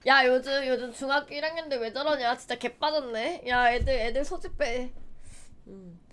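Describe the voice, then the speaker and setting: A young woman in her twenties chats on a livestream in a high voice. She laughs readily and acts out old stories in a loose, chatty way. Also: moderate pace, a bit bright. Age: 20s. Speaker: streamer. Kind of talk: casual livestream chat.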